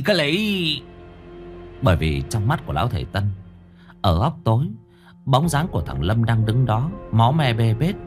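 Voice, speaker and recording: A man narrating a ghost story in a lowish voice that swoops with lively, dramatic intonation. He reads with suspense, and faint music plays underneath.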